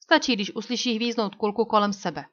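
A woman's voice: mid-range voice, fairly even intonation, highs cut off, close to an everyday voice. Woman reading a commanding frontier hero. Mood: firm. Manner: firm, giving orders.

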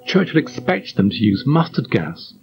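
A man's voice: medium pitch, sing-song, normal speed, muffled recording, soft background music. A man in his fifties with a posh British accent, presenting a documentary in a well-spoken manner. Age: 50s. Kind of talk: documentary narration and demonstration.

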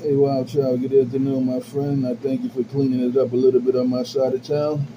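A man chatting over a CB radio channel from his base station. His voice comes through muffled and lo-fi, with loud static hissing behind it. He keeps circling back to the same rhythmic call-outs and sign-offs. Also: mid-range voice, flat delivery, a little fast. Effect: CB radio transmission. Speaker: CB radio operator.

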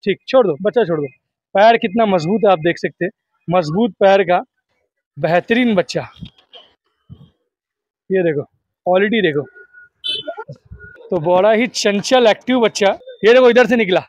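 A man hosting an outdoor goat sale, chatty and upbeat, echoing the seller's answers back in a steady patter. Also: sits high, measured pace, pauses often, highs cut off. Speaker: host of a livestock sale video. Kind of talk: casual on-location interview.

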